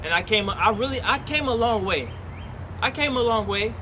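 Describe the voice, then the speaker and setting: A man's voice: sits high, lively intonation, moderate pace, bright, forceful tone. A man in his twenties, a streamer, talking casually in a rambling vlog and repeating his phrases, recorded on a phone outdoors near traffic. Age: 20s. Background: cars and city noise.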